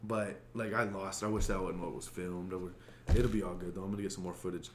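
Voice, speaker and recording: Young man, podcast host, casual swearing chat, lowish voice, echoey room, faint noise. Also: fast. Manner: animated, swearing, laughs often.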